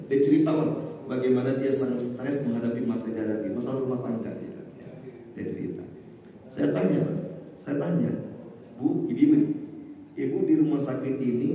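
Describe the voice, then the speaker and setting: A man's voice: mid-range voice, warm tone. A male ustadz preaching to a mosque congregation, telling stories and addressing listeners with frequent "Pak, ya" asides. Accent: Indonesian. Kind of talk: mosque study sermon. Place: mosque hall. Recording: echoey hall from far off, faint noise.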